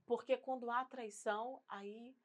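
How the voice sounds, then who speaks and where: A woman's voice: a little high, steady tone, measured pace, a little hiss or hum. A woman pastor with a Brazilian Portuguese accent, giving an earnest, emotional faith testimony in an interview, rising to fervent intensity. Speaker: pastor and singer, guest.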